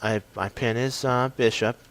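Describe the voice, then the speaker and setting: A man walking through one of his own chess games, excitable and punchy, often stopping to correct himself. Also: medium pitch, normal speed. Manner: excitable, self-correcting, punchy short phrases. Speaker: chess commentator. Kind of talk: casual game commentary.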